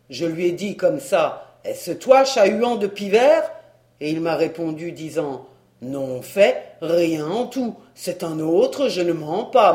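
A reader voicing a boisterous young male country servant who talks in rustic dialect, loud and excited. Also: mid-range voice, roomy sound.

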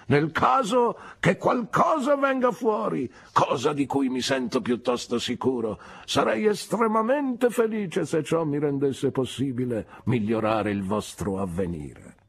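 A woman's voice: deep voice, sing-song, creaky, breathy edge, pitched above the performer's own voice, heavily acted. A woman voicing a pompous, declaiming middle-aged man. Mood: farewell ringing. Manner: theatrical, declaiming, slow and emphatic. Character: pompous, grandiloquent middle-aged man, genial but ruined. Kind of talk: audiobook character reading.

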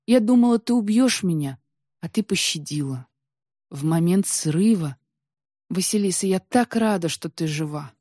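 Emotional storybook archivist woman, read by a woman narrator, mellow dark tone, dry close sound. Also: on the low side, expressive, moderate pace, no room sound. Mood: sorrowful.

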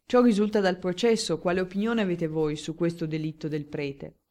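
A woman's voice: on the low side, fairly even intonation, normal speed, a little mellow, lightly acted. A woman doing a glib, declaiming male journalist. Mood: eager. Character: talkative, flattering male newspaper journalist. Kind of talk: audiobook character reading.

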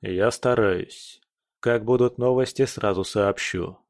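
A man's voice: on the low side, slow pace, dry recording, clean studio sound. A man voicing a tough, guarded man who answers in short, restrained lines. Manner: curt, restrained.

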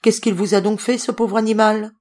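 A woman's voice: medium pitch, fairly even intonation, normal speed, darkish tone, pitched above the performer's own voice, lightly acted. A woman reading aloud voices an older bewildered uncle who speaks in earnest, pleading exclamations.

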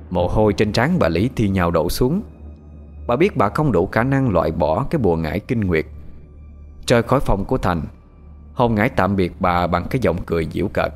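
A man narrating a ghost story in a measured, dramatic way. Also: low voice, animated, soft background music.

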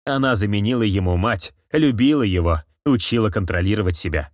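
A man narrating fiction in a steady, expressive storytelling manner. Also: lowish voice, brisk, no echo, studio quality. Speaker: audiobook narrator.

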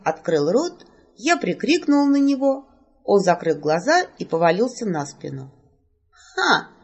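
A woman narrating a first-person fantasy audiobook with an expressive, lively delivery. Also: fairly high pitch.

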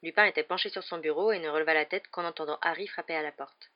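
A reader narrating a chapter of a storybook at a steady, even pace. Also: medium pitch, fast talker. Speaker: audiobook reader. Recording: slightly dull lo-fi recording.

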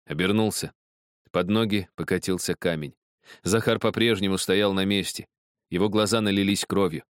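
A man reading a novel aloud as narrator, measured and expressive. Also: low voice, dry recording, clean studio sound. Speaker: audiobook narrator. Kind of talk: scripted narration.

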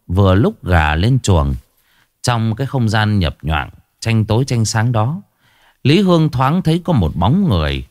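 Dramatic low-voiced ghost story narrator. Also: male voice, no echo, clean studio sound. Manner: dramatic, rising and falling delivery.

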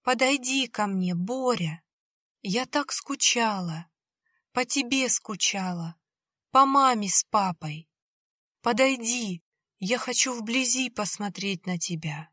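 A woman's voice: on the high side, expressive, takes it slowly, bright, forceful tone, dry recording, clean studio sound, voice pushed up, heavily acted. Woman doing a rustling ghost girl, pleading. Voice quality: rustling, childlike. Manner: coaxing, insistently pleading. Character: ghostly little girl spirit, wheedling and pleading. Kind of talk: audiobook character voice.

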